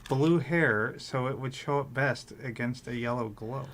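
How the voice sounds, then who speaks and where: A man with a mid-range voice banters as a tabletop game player. He is casual and sarcastic, quick to wisecrack, and there is some noise behind him. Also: medium pitch, fairly bright tone. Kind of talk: casual joking chat. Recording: noticeable background noise.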